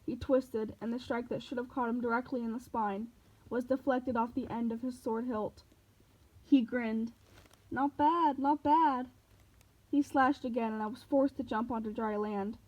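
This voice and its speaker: A woman's voice: on the high side, steady tone, moderate pace, darkish tone. A woman reading a novel aloud, telling the story steadily in the first person. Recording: dull lo-fi recording.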